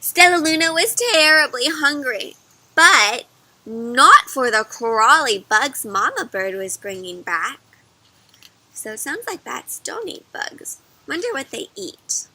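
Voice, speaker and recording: A woman reads a picture book aloud to children in an expressive, interactive way, stopping for chatty asides that pose questions to her young audience. Her voice is high, and the recording quality is rough.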